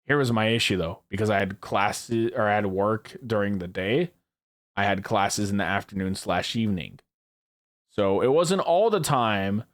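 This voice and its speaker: This man, a podcast host in his early twenties, has a fairly low-pitched voice and speaks at a normal speed. He's hanging out with friends in a casual chat, where he rambles, says things more than once and swears without restraint.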